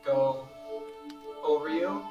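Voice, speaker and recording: A man with a somewhat high voice runs a tabletop game, narrating in casual, halting, suspenseful phrases. He sounds off-mic in an echoey room, with music clearly behind him. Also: muffled recording. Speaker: game master. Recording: roomy echo, distant mic, prominent music.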